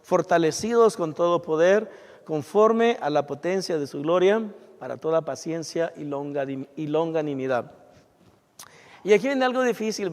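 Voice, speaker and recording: A man's voice: sits high, a little mellow. Preaching man in a reverberant church. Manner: conversational preaching with rhetorical questions and personal confessions. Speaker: pastor. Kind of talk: sermon. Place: church sanctuary.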